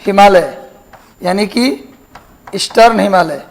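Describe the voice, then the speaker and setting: A man's voice: sits high, normal speed, poor audio. A man teaching a geography class, repeating terms and quizzing his students. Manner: repetitive, asks students questions. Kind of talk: classroom lecture.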